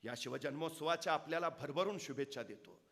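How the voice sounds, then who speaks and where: A man's voice: fairly high pitch, fast talker, vocal fry, fairly bright tone, long reverb tail. A man giving an impassioned public speech full of dramatic storytelling. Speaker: public speaker. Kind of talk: oration.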